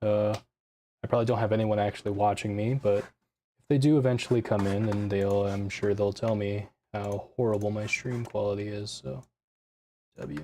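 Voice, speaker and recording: On his first live stream, a young man at his home desk setup chats casually and a bit scattered, thinking aloud and self-deprecating as he fiddles with audio settings and starts a PC build. His lowish, dark voice is steady at normal speed, picked up by a desk mic with live compressor tweaks and a little hiss or hum.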